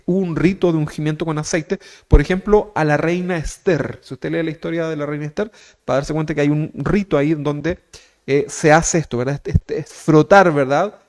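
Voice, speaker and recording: A pastor with a Chilean Spanish accent preaches a teaching sermon conversationally, frequently checking in with listeners, repeatedly asking "¿verdad?" and putting direct questions to the congregation. His voice is fairly high with a darkish tone.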